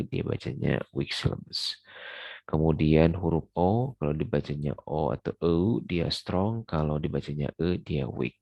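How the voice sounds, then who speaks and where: Deep gravelly man teaching English. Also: dry recording, lo-fi sound. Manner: many fillers, mixes English terms into explanations. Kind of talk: casual recorded lecture.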